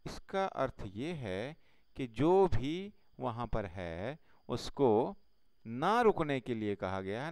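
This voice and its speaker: A man teaching a Hindi grammar lesson, explaining slowly step by step with pauses. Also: medium pitch, darkish tone, no room sound.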